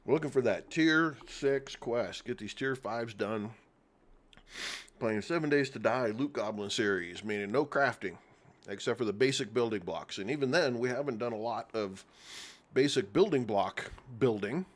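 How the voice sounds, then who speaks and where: A man streaming a survival game, chatting casually with a blocked nose and eating between sentences, often clearing his throat. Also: medium pitch, normal speed. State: stuffy nose, eating while talking. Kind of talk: casual gameplay commentary.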